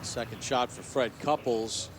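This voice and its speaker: A man's voice: mid-range voice, a little slow. A man delivers live golf commentary in a mid-range voice. He calls the play shot by shot, with plainly audible outdoor ambience behind him. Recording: clear outdoor ambient noise.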